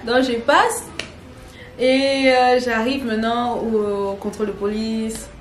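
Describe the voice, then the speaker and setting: Animated woman telling a story. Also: on the high side, takes it slowly. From Gabon. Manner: animated, repeats phrases, slangy asides. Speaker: online content creator. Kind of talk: casual storytelling to viewers. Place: home with children playing nearby. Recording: echoey room with faint background noise.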